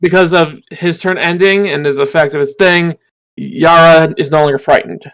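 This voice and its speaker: A man talks through his turn in a tabletop game, eager and joking. His voice is gravelly and somewhat high. He checks the rules out loud as he goes. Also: fairly even intonation, normal speed, poor audio. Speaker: player. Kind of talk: casual game chat.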